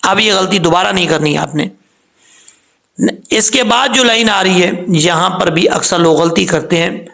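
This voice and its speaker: Male tajweed teacher, high voice, gravelly edge, patient and methodical. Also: sharp tone. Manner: patient, repeats common mistakes and corrections; slowly spells out letters and vowel marks. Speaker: Quran recitation teacher. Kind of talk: step-by-step tajweed lesson.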